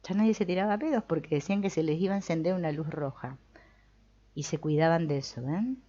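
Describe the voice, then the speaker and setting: A middle-aged woman with a Rioplatense Spanish accent giving an informal spiritual talk, animated and colloquial, acting out quoted voices for humor. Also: sits low, brisk. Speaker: spiritual teacher. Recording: dull lo-fi recording.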